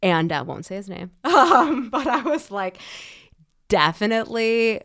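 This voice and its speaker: A woman in her thirties, a podcast guest, chatting casually with quick asides and frequent laughs. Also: on the high side, sing-song, a bit bright. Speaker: podcast guest, life coach. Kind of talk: casual chat.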